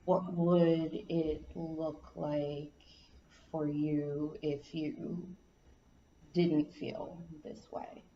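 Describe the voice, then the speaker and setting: A woman counselor trainee asking calm, reflective questions. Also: low-pitched, extremely slow. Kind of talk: counseling interview. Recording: echoey room, distant dull mic, faint hiss.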